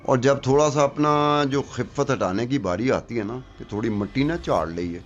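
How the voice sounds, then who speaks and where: A man's voice: medium pitch, muffled recording. A middle-aged man giving political commentary on a talk show, emphatic and argumentative, repeating his points for effect.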